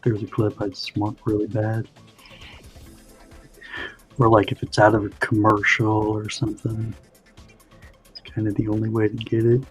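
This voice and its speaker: A man's voice: lowish voice, completely flat delivery, moderate pace, long pauses, soft background music. A man hosting a livestream, chatting casually and explaining things in a rambling way with lots of "you know". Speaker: livestream host. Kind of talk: casual chat.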